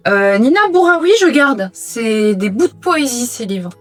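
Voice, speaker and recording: A young woman with a fairly high voice talks casually to the camera while she tidies her own room at home. She chats on and pokes fun at herself. Soft music plays quietly behind her. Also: very animated, measured pace. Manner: chatty, self-mocking, talks to viewers while sorting books. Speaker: booktuber tidying her reading room. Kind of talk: casual vlog chat while tidying.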